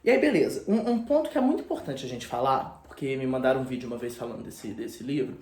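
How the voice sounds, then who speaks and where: Casting: animated male book host retelling a story, echoey room. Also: mid-range voice, fast. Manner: chatty, slangy, animated storyteller. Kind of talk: casual plot retelling. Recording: roomy echo.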